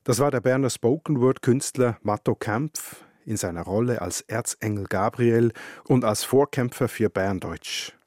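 Male radio host, calm measured announcing, low voice, dry studio sound. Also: no echo. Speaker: radio culture show host. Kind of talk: radio presenting.

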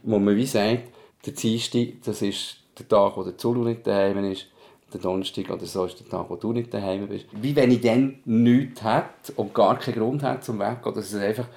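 A podcast host and parent, this man speaks with a Swiss German accent in a deep, gravelly voice that is mellow and dark. He talks frankly and colloquially, like a casual personal conversation, with fairly even intonation at a moderate pace.

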